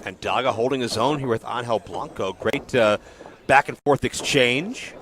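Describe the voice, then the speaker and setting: A man's voice: medium pitch, normal speed, a bit bright, a little hiss or hum. A man calling a lucha libre match as a play-by-play wrestling announcer.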